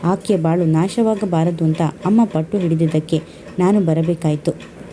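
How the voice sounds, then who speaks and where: A woman doing a calm, remorseful young man. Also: on the low side, a little hiss or hum, lightly acted. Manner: measured, apologetic speech.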